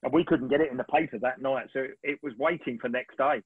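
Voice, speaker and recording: Man in his fifties, husky voice, dry tinny video-call sound, animated rambling storyteller. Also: mid-range voice, fast talker, no echo. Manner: animated, rambling storyteller with frequent throat clearing. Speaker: sports photographer guest. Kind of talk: relaxed anecdotal storytelling on a webinar.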